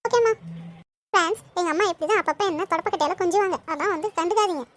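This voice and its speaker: Chirpy cartoon girl showing off her house, boastful, super high n quick, voiced by an actor. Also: fairly bright tone, slight background noise. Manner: chatty, boastful. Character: cheeky little girl vlogger in a cartoon. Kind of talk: comic home-tour vlog narration.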